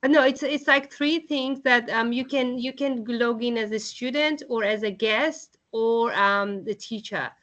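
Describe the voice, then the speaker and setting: A woman's voice: fairly high pitch, a little slow, few pauses, fairly bright tone, dull audio. A woman student asking questions hesitantly with many ums over a video call.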